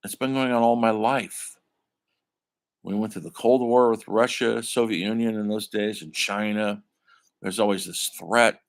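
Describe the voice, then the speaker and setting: A man's voice: lowish voice, fairly even intonation, measured pace. An older man giving a classroom film lecture in a conversational way, calling his students folks. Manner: conversational, addresses listeners as folks. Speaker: college film instructor.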